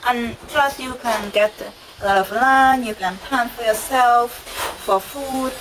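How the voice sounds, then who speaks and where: A young woman with a Trinidadian accent speaks at a measured pace in a higher voice. In a casual, chatty vlog recorded noisily at home, she answers viewer questions and often repeats herself.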